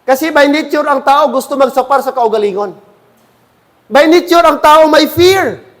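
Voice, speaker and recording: A man's voice: very high-pitched, moderate pace, fairly bright tone, long reverb tail. A man with a Filipino accent preaching a sermon as pastor, switching between Tagalog and English and often calling out to the congregation. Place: church.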